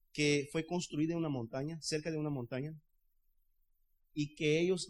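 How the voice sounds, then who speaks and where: Male preacher, high voice, fervent and chatty, keeps checking in with the congregation. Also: darkish tone. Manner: fervent, loose and conversational, often asks "¿verdad?". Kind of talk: sermon. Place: church in the United States.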